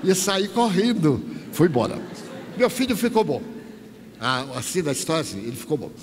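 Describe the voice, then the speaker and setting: An older man from Bahia, calmly telling a story to an audience as a spiritist lecturer. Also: on the high side, normal speed, big-room sound, noisy background. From Bahia, Brazil. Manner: calm, anecdotal, addresses audience as friends.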